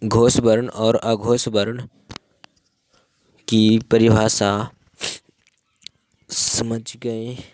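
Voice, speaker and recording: A man's voice: on the low side, level tone, drawn-out words, long pauses, background noise. A male teacher giving a grammar lesson, saying each phrase twice as if for dictation.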